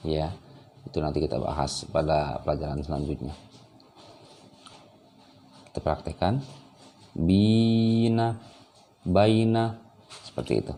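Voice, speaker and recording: A man teaching how to read the Quran, drawing out example syllables slowly and then explaining calmly with some hesitant fillers. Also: rumbling low. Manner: slow drawn-out recitation examples alternating with calm explanation. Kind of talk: recorded reading lesson.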